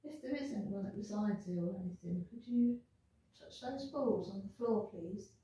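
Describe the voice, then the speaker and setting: A woman's voice: mid-range voice, lively intonation, normal speed, warm tone. An English woman investigating a haunted church, asking spirits polite, coaxing questions. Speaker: paranormal investigator. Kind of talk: ghost-hunting call-outs. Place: inside a church porch. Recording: echoey, distant and dull with faint hiss.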